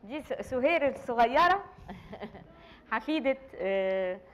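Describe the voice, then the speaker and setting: A woman's voice: a little high, expressive, takes it slowly, slight background noise. A woman with an Egyptian accent hosting a TV talk show and asking her guests questions in a chatty way.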